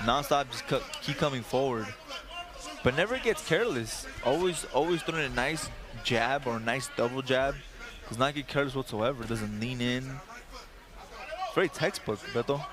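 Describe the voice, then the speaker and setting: A man's voice: mid-range voice, unhurried, long pauses. A man giving live fight analysis from ringside as color commentator, emphatic and repeating phrases for emphasis. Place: ringside at an arena.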